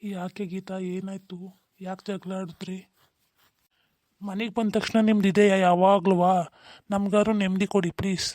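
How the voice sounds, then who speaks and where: A woman's voice: medium pitch, flat delivery, normal speed, pauses often, darkish tone, no room sound, close to an everyday voice. A woman voicing a tired husband who pleads with his wife and mother for peace and sometimes snaps at them. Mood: puzzled. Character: weary husband caught between wife and mother. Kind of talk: comic cartoon dialogue.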